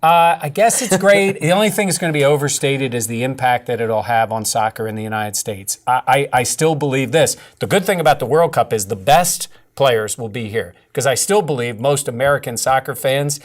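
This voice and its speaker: Measured man giving sports analysis. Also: medium pitch, lively intonation. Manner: measured, explanatory. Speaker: sports broadcaster guest.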